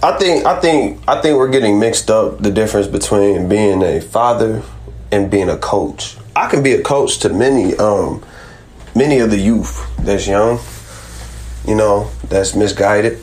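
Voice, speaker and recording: A man's voice: fairly low pitch, measured pace, a little mellow, echoey room, low-quality recording. A man on a live group voice call who speaks with earnest conviction and quotes scripture in a casual debate. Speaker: call-in panelist.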